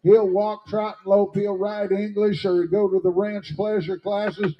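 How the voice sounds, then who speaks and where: A man announcing at a horse sale, plainly pitching each horse's skills to buyers. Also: level tone, a little slow, dull audio. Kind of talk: sales pitch. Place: horse auction ring.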